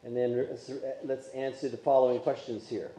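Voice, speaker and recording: At normal speed and with a flat delivery, a man with a mellow mid-range voice leads a Sunday school Bible class, asking the class questions in a conversational way. His first language is Polish, and the church classroom recording is echoey.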